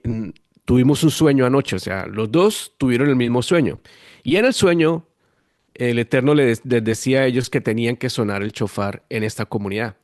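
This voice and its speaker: A man's voice: mid-range voice, dry recording, studio quality. A Colombian man in his fifties with a Bogotá accent, a pastor telling his testimony animatedly in an interview. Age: 50s. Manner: lively animated storytelling, acting out quoted voices. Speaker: guest pastor. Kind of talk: storytelling testimony.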